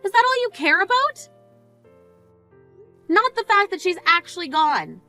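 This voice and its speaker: In a scripted dramatic scene, a woman plays a grieving sister at a funeral, her high voice blunt as she scolds her sibling with cutting disbelief. She sounds outraged, animated and a little fast, staying sharp and exasperated while faint music plays underneath.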